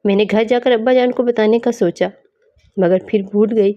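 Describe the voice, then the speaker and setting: A woman narrating a scripted moral story in a steady, even storytelling manner. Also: fairly high pitch. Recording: slightly muffled lo-fi.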